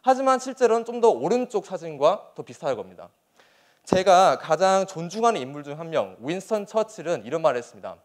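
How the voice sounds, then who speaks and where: Young male soldier as motivational speaker: high register, very lively intonation, earnest and emphatic public delivery. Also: fairly quick. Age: young adult. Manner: earnest, emphatic, rhetorical questions. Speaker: soldier giving a motivational speech. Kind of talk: motivational public speech to an audience.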